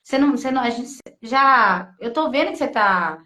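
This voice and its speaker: A woman from gives an emotional personal testimony, halting and full of restarts as she quotes her own thoughts. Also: a little high, animated, sharp tone. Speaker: testimony guest. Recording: echoey room.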